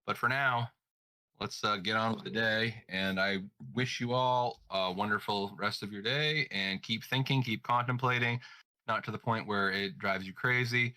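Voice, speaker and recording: A man's voice: on the low side, normal speed, bright, forceful tone, no echo. A man co-hosting a podcast in a rambling, playful casual chat, full of filler words. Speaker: podcast co-host.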